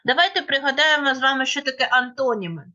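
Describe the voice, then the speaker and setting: A woman's voice: high-pitched, fast talker, bright, forceful tone, dull audio. A woman teacher giving a lesson, explaining step by step and asking and answering her own questions. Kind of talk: classroom lesson.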